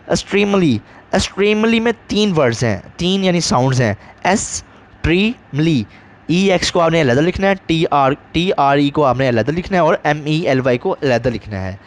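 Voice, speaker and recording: A male teacher, explaining an English lesson step by step and reading example sentences slowly. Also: fairly high pitch. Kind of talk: recorded classroom lesson.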